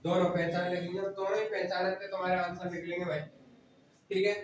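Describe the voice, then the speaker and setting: High-voiced teacher in echoey classroom. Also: male voice, little pitch movement, a little fast, distant mic. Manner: repetitive, drilling, scolds students. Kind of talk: classroom grammar lesson. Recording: very echoey room, voice from afar, faint noise.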